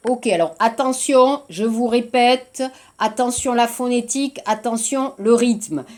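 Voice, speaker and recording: A woman gives a recorded French lesson in a fairly high voice. She speaks slowly and deliberately, repeating each point and example so students can follow along. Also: darkish tone. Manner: slow, deliberate explaining with frequent repetition. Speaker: French teacher.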